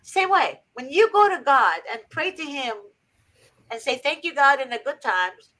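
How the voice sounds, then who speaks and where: A woman's voice: high voice, big pitch swings, normal speed, a bit bright, low-quality recording. A woman from Egypt hosting a faith-based advice talk, earnest and preachy with emphatic repetition. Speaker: host.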